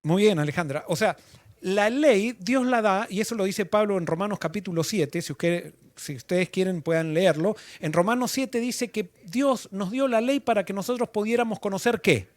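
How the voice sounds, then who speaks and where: A man's voice: sits high, normal speed, no room sound. A male pastor leading an interactive Bible study, asking the class questions and repeating their answers.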